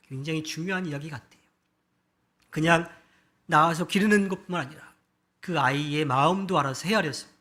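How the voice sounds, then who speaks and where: A man preaching a Sunday sermon in a church, telling family stories in a shifting, conversational way. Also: fairly high pitch. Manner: storytelling with shifts of loudness and pace. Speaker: pastor. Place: church hall.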